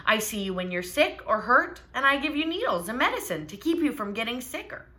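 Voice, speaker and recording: Storybook bear doctor, female, friendly and clear with cubs, read by a woman. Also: fairly high pitch, big pitch swings, a little fast, voice pushed up. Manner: warm, clear speech to children.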